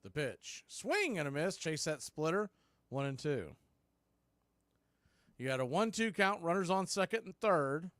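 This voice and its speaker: His voice runs on the high side and fairly bright, very animated yet measured in pace, with long pauses and no echo. The man is a baseball play-by-play announcer for a fan watch party, colloquial and informal, cheering openly for his team.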